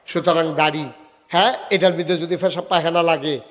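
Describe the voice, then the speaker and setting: A man's voice: on the high side, a little fast. A man preaching a humorous sermon, telling a story, acting out dialogue and joking with the audience. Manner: animated, jokes with audience, acts out dialogue. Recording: reverberant hall.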